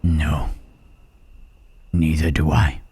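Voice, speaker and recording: A man playing a gentle, brooding, melancholy monster in an ASMR roleplay, with halting, solemn, formal speech and a breathy voice. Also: level tone, no room sound, full character voice. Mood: sorrowful, earnest. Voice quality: husky, breathy, deep.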